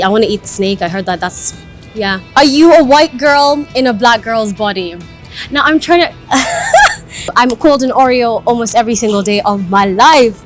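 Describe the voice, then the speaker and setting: A young woman from Kenya chats openly to the camera in a casual vlog, her voice sitting a little high. She laughs easily as she talks, recorded outdoors high up on a building. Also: fairly bright tone. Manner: chatty, candid, laughs easily. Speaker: vlogger and radio host.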